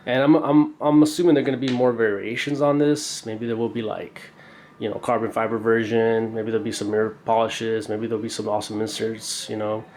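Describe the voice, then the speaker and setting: A young knife collector, congested and stuffy from a cold, reviews a purchase by talking through an unboxing, filmed by a camera over a tabletop in an indoor room. He's brisk, rambling loosely with fillers and slang, his pitch fairly flat. The room adds echo and a faint background hiss.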